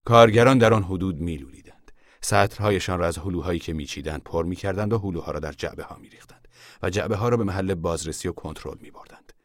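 Man, audiobook narrator, very deep voice, dry close recording. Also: no echo.

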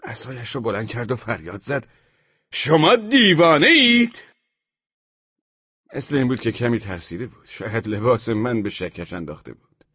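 Male audiobook narrator, husky tone, close dry sound. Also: on the low side, no room sound, lo-fi sound. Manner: measured storytelling, with the dialogue lines acted out loudly. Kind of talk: scripted literary narration.

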